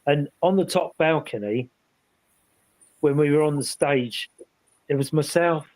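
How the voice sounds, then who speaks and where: A man's voice: on the high side, unhurried, a little mellow, dry recording, poor audio. A man on a paranormal panel, rambling through an investigation story in casual chat with many restarts and asides.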